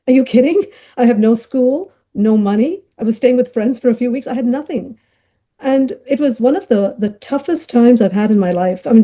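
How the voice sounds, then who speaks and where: A woman's voice: fairly high pitch, warm tone. A middle-aged woman who grew up in Ghana, telling her life story as a podcast guest in a chatty way with many fillers and laughs. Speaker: guest, child psychiatrist. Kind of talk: conversational storytelling interview.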